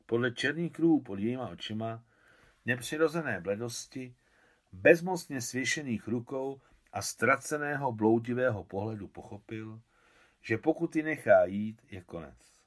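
A man reading his own translation of a novel aloud, measured and expressive. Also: medium pitch. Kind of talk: literary reading.

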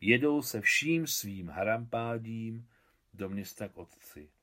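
A man reads a novel aloud in a measured, expressive way. His voice sits fairly low, and his delivery is a calm literary reading. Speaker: translator reading his translation.

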